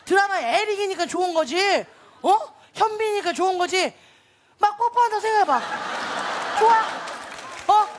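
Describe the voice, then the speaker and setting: High-voiced bossy female comedian. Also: animated, moderate pace, long pauses. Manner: bossy, teasing, asks the audience questions. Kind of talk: stand-up comedy duet on stage.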